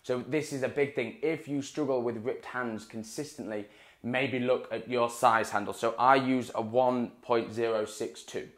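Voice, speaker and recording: A man's voice: medium pitch, fairly even intonation, normal speed, fairly bright tone. Young male coach, casual to-camera tutorial, repeats for emphasis; lapel mic, small room. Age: young adult. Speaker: water-ski coach. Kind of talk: instructional talk to camera. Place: small indoor room in front of a dark wall. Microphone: clip-on lapel mic.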